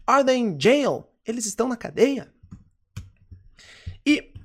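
Slow Brazilian English teacher drilling words. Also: medium pitch, very animated. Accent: Brazilian Portuguese. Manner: slow, repetitive drilling with frequent "ok?" checks. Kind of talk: recorded English lesson.

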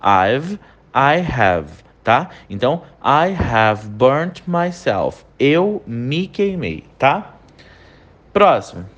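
A man with a Brazilian Portuguese accent teaching an English lesson, saying each phrase slowly and checking in with his students. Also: on the high side, dull audio. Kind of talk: online language lesson.

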